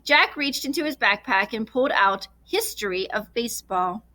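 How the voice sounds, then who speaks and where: Reading from a children's book, this woman shifts between straightforward narration and animated dialogue like a lively storyteller. She speaks at a normal pace in a slightly high voice, and the recording is dry.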